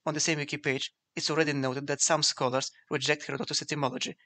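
A video essay narrator whose first language is Ukrainian reads scripted lecture narration in a measured, explanatory way. He talks fast, with a flat, bright delivery and a fairly high pitch.

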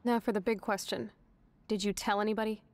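A woman's voice: medium pitch, flat delivery, fairly quick, darkish tone, natural voice. An American actress playing a rebellious, sweary punk girl of about nineteen in a video game, cocky and sarcastic. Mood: pressing, scornful. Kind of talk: video game drama acting.

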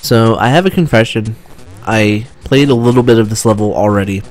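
A young man giving casual, chatty commentary while playing a video game, often excited and restarting his sentences. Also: fairly low pitch, a little fast. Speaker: let's play commentator. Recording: faint game music behind.

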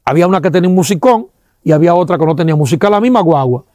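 A man with a Dominican accent giving an animated testimony, acting out sounds and quoting people, with religious exclamations. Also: fairly high pitch, racing, no room sound.

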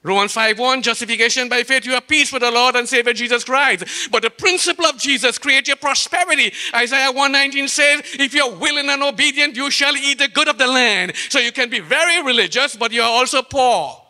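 High, bright Trinidadian preacher in a reverberant church. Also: male voice. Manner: rhetorical questions, emphatic drawn-out phrases. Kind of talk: sermon. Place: church sanctuary. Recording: long church-hall reverb.

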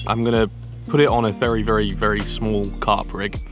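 By a lake outdoors, a young adult fishing vlogger talks casually to a handheld camera, tossing in wry, self-deprecating asides. His voice is lowish and level, a little fast, with a music bed playing underneath.

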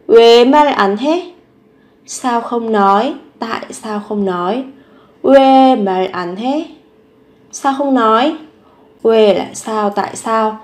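Female teacher, a little high, patient, repeats drills and then explains. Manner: repeats each phrase slowly, then explains it. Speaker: Korean language teacher. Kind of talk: Korean lesson explained in Vietnamese.

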